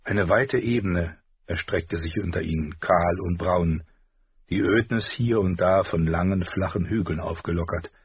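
A man reading a fantasy audiobook with expressive storytelling. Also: deep voice, unhurried, breathy edge, dry recording, dull audio. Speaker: audiobook narrator. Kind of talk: scripted fantasy audiobook narration.

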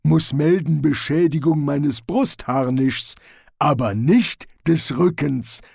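A man voicing a slow-witted, cheerful male troll guard in an audiobook, speaking in broken grammar. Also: medium pitch, creaky, a little mellow, slightly rough, no echo, studio quality, voice pushed up, heavily acted. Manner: broken grammar, plodding speech.

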